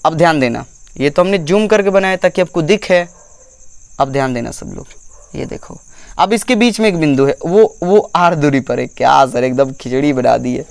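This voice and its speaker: A man's voice: on the high side, animated, normal speed, clean tone, no echo. Repetitive, questioning male physics teacher. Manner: repeats phrases, keeps checking understanding. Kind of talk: classroom lecture.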